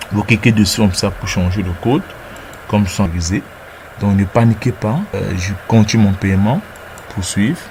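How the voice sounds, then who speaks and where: A man with a lowish voice talks through a screen-recorded tutorial step by step. He hesitates often and repeats words while he clicks along. A faint hiss sits under his voice. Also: darkish tone. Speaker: trading tutorial presenter.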